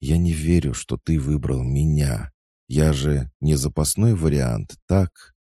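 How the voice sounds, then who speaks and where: A man's voice: a bass voice, unhurried, creaky, a little mellow, husky, no room sound, clean studio sound, exaggerated voice. A man voicing a sweet young woman in love, talking in a pleading way.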